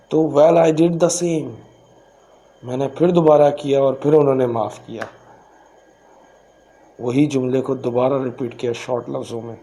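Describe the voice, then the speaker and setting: Guy going through a poem slow then quick, medium voice, bit of hiss. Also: mid-range voice, creaky, mellow, low-quality recording. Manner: switches between slow recitation and quick explanation. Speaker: English teacher. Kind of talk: explaining a poem line by line.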